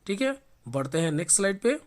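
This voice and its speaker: A man teaching an English revision lesson in Hindi, who asks questions and answers them himself and slows down to spell words letter by letter. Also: sits high, sing-song.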